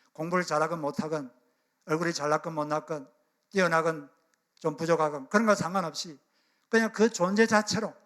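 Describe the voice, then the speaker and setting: Earnest Korean pastor preaching a sermon. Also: male voice, fairly high pitch. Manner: earnest preaching, dropping soft on key phrases and rising on exhortations.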